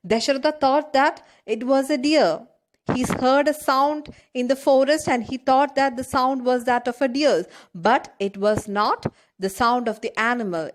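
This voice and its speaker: A woman teacher retelling a story to students, repeating and paraphrasing each line and checking in with "isn't it?". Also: fairly high pitch.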